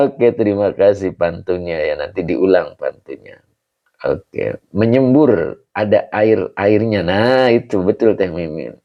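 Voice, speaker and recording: A man teaching an online Quran commentary class, explaining slowly and patiently and often chuckling. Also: deep voice, lo-fi sound. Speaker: Islamic teacher.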